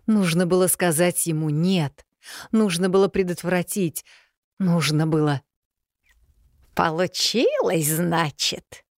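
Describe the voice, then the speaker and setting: A woman narrates a fantasy story in the first person, measured and dramatic. Her voice sits on the low side, and the recording is dry with no room sound. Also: no echo. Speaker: audiobook narrator.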